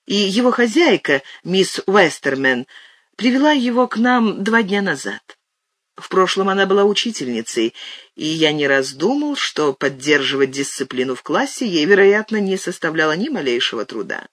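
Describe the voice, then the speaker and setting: A man narrating an audiobook with expressive, animated storytelling. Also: sits high, no echo, clean studio sound. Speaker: audiobook reader. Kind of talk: scripted narration.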